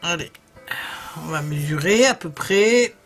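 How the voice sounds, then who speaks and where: A woman with a southern French accent walks viewers through a craft project in a casual, chatty way. She hesitates often and leans on little fillers as she works. Faint music plays softly behind her. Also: lowish voice, expressive, unhurried. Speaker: crafting video host.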